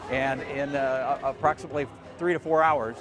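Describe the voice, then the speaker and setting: Male teacher explaining over loud crowd. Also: mid-range voice, steady tone. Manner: explanatory, halting with fillers. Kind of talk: interview. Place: school building, children around.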